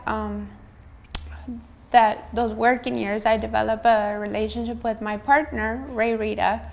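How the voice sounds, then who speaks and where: Gravelly-voiced Colombian woman guest. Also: fairly high pitch. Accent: Colombian Spanish. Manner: explanatory, with filler ums. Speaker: interview guest, media entrepreneur. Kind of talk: casual interview chat.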